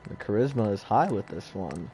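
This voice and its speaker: A man's voice: lowish voice, animated, moderate pace, mellow, slight background noise. A man streaming a video game live, who chats loosely to himself and swears as he sorts his gear. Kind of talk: casual gameplay commentary.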